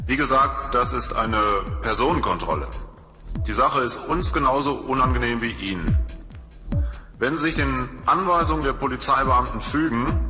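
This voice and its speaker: Ein Mann spricht als Polizeisprecher ruhig, förmlich und bestimmt durch ein Mikrofon, und seine Stimme hallt wie in einer Höhle aus den Lautsprechern. Er klingt in mittlerer Tonlage. Hinter ihm dröhnt laute Tanzmusik im weiten Raum. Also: male voice, normal speed. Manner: formal, calm, commanding. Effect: booming echo of a loudspeaker in a large hall. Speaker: police announcer. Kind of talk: public address announcement. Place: nightclub during a raid. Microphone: handheld microphone over a loudspeaker system. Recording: cavernous echo with loud dance music behind.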